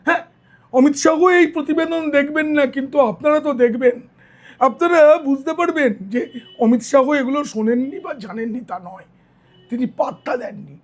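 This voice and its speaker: A middle-aged male journalist giving political news commentary, hoarse and tired, speaking earnestly straight to his viewers. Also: very high-pitched, normal speed. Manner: earnest, direct address to viewers.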